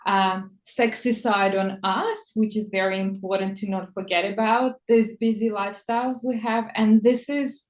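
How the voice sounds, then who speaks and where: A woman from the Czech Republic, a native Czech speaker, talking slowly as a personal stylist in an interview, searching for words in English. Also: mid-range voice. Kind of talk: conversational interview. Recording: echoey room.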